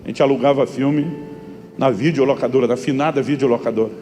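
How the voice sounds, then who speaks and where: Middle-aged Brazilian pastor, fast storytelling sermon delivery, hall reverb, faint music underneath. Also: male voice, mid-range voice, steady tone, warm tone, slight background noise. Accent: Brazilian Portuguese. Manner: storytelling preacher who acts out dialogue.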